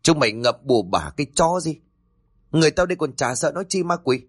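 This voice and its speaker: A man's voice: lowish voice, sing-song, fairly quick, slightly rough, no room sound, clean studio sound, exaggerated voice. A man voicing a hot-tempered male gang leader in a spoken horror story, barking and scornful.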